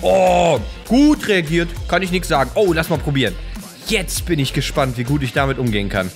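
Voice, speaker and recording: A young man chats casually over a video game he is playing, close to a studio microphone. His voice sits fairly high and swings widely in pitch as he exclaims and jokes. Faint music runs behind him. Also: moderate pace, vocal fry. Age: 20s. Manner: excitable, exclaiming and joking while playing. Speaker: gaming YouTuber. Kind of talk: casual gameplay commentary. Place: indoor room at home, on a couch. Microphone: close studio condenser microphone with pop filter.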